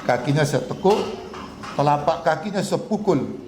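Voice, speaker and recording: Animated preacher man in an echoey hall. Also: fairly high pitch, normal speed, noisy background. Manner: animated, chuckling, rhetorical questions. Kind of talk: lively sermon to a gathering. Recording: echoey hall, long reverb, faint ambience.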